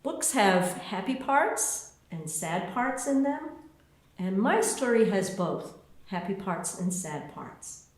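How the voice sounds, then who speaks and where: Heard in a room with heavy echo, a woman reads aloud from the children's picture book she wrote. She takes her time, her pitch rising and falling in a lively way, and she sets her phrases apart with careful, expressive pacing.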